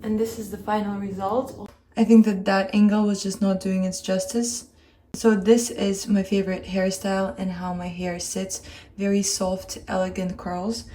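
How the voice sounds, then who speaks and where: Mellow-voiced woman chatting in an echoey room. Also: mid-range voice, flat delivery, normal speed. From Kazakhstan. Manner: chatty and open, talking while she works. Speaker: beauty vlogger. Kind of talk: casual chat during a hair tutorial. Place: home room, in Hong Kong. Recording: echoey room with faint ambience.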